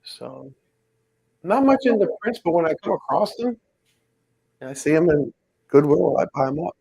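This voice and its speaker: A man's voice: on the high side, expressive, moderate pace, vocal fry, warm tone, slightly rough, poor audio. A man chatting casually about his collection, rambling and thinking aloud as he works. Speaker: pin collector host. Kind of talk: casual chat while hanging pins.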